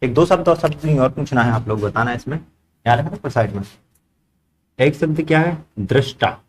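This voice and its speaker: A man's voice: mid-range voice, expressive, a little fast, a little hiss or hum. A man teaching a grammar lesson to a class, asking the students questions and repeating their answers back. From India.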